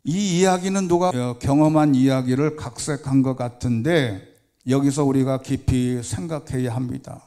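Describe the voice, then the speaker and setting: A male pastor preaching a sermon, telling a story with vivid, animated narration. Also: mid-range voice, normal speed.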